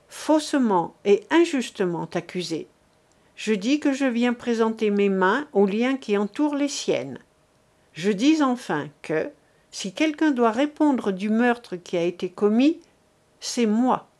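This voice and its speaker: A woman reading aloud as a young man speaking calmly and solemnly, with resolve. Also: fairly high pitch. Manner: calm, solemn.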